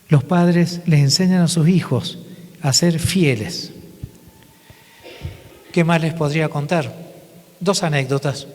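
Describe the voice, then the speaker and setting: A male priest speaks to a parish congregation with a slightly raised voice. He tells his stories haltingly, often breaking off and starting again. His voice trails into a long reverb in the church. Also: fairly high pitch. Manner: halting storytelling with frequent restarts. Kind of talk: testimony talk to a parish congregation.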